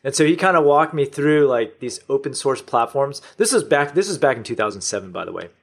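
Here the same kind of speaker, a middle-aged online store owner from the United States, is a podcast guest in a conversational interview. His mid-range voice is animated and a little fast as he recounts his business story in a matter-of-fact way.

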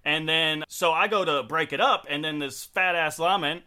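Young man, quiz host, casual chat, bright voice, animated. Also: a little high, moderate pace. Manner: storytelling, animated, laughs often.

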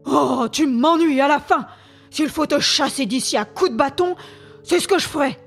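A woman voicing a harsh, hot-tempered peasant man in an audiobook, speaking gruffly and threateningly. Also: on the high side, unhurried, a little mellow, faint music behind. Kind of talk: audiobook character reading.

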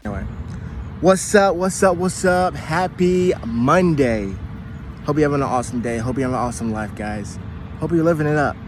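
A man's voice: on the high side, lively intonation, normal speed. A man from the United States hosting his podcast as a phone video, recorded outdoors on wireless earbuds. He talks in a casual, upbeat and encouraging way, rambling with many fillers. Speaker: podcast host. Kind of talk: casual motivational vlog talk. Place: outdoors near traffic and a train line. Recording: phone video outdoors with clear traffic noise. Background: street and car noise.

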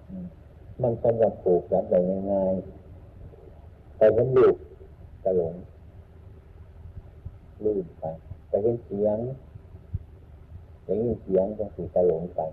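A man with an Isan accent giving an unhurried Buddhist dharma talk as a monk, repeating his points and humming between phrases. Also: on the low side. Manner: unhurried, repetitive teaching with frequent hums. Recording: tinny phone-like lo-fi sound with faint noise.

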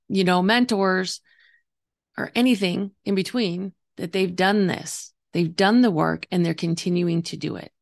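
A woman with a gravelly, slightly hoarse voice talking earnestly and reflectively as a coach hosting a solo podcast, explaining her views. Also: on the low side. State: voice partly gone, slightly hoarse. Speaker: intuitive coach and podcast host.

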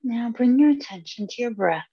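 Soft, husky woman guiding meditation. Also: fairly high pitch, lively intonation, dry recording, dull audio. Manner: soothing, unhurried delivery with pauses. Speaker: meditation guide. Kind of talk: guided meditation.

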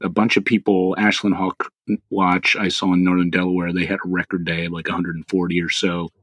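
A man with a very low voice chats casually about wildlife. He talks in a loose, rambling way, full of fillers and restarts. The recording is dry and close. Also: little pitch movement, fairly quick, fairly bright tone, no room sound. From Philadelphia area, US. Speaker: podcast co-host. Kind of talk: casual birding chat.

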